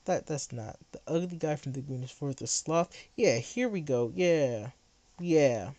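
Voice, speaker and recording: A streamer talking late into the night in a heated, sarcastic rant. The delivery jumps between mocking asides and blunt jabs. The pitch sits in a middle range. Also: expressive, unhurried, dark tone, no echo. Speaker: livestreamer.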